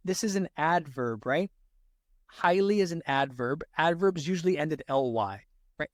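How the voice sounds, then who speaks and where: A man's voice: a little high, no echo, clean studio sound. A man teaching an SAT grammar lesson, talking straight to his viewers and checking in with them constantly. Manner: talks straight to viewers with frequent "right?" checks. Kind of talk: explaining grammar to students.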